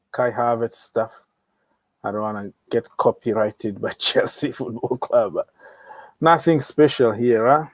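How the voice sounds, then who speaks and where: A man's voice: medium pitch, dry recording. A young man hosting a casual football livestream, joking around and talking straight to his viewers. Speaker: livestream host of a football channel.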